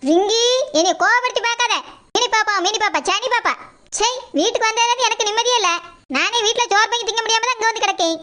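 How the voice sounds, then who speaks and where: Woman as a grumbling, sarcastic daughter-in-law, very high and bright voice, comic skit. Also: fast. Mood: scolding. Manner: grumbling, scheming, sarcastic muttering. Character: scheming, grumbling young daughter-in-law and mother.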